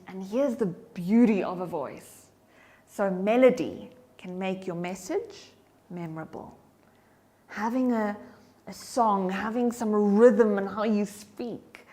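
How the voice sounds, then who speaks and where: A woman giving a motivational talk on voice and confidence. Her voice is expressive, moving in pitch and loudness for emphasis, and she drops to a soft whisper to demonstrate breathing. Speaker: keynote speaker and voice coach.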